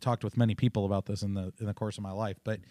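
A man co-hosting a laid-back faith talk show, wandering through stories with restarts and asides. His voice sits at an ordinary pitch. The sound is dry and close, with no room around it. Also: little pitch movement, rapid-fire, dark tone, dry recording. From Oregon, United States. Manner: rambling, storytelling with many restarts. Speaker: podcast co-host. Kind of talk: casual faith chat.

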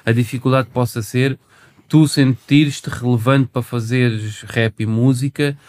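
A man's voice: medium pitch, steady tone, a little slow, darkish tone. A man chatting casually as a rapper guest, slangy and emphatic, often repeating himself. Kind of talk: casual chat.

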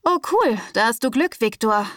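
A woman voicing a calm, cocky young man who talks in an easygoing, smug, soothing way. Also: a little high, moderate pace, dry recording, clean studio sound, recorded from a distance, natural voice.

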